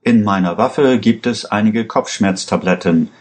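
A man's voice: fairly low pitch, unhurried, a little mellow, husky. A man reading a story aloud, voicing an armed man who speaks curtly and threateningly. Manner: curt, threatening. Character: tense armed man in brown shoes.

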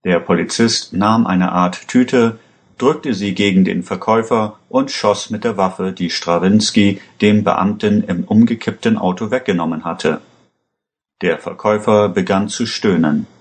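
Slow, deep-voiced male storyteller. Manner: slow, measured reading. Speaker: narrator. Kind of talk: scripted story narration.

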